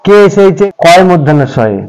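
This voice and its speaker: A man gives a beginner pronunciation lesson. His voice sits a little high and moves up and down a lot. He talks patiently, repeating each example slowly for his viewers. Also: big pitch swings, a little mellow, smooth, poor audio. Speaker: English teacher.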